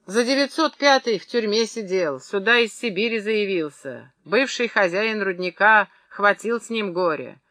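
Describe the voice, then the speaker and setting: A woman's voice: medium pitch, lively intonation, moderate pace, few pauses, fairly bright tone, no echo, lightly acted. A woman reading an audiobook, voicing a fussy, fawning male tavern keeper who speaks with contempt. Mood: scornful.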